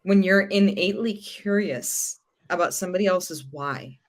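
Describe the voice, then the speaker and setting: A woman's voice: lowish voice, normal speed. A woman hosting a podcast, asking curious questions and reflecting frankly in casual chat. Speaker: podcast host.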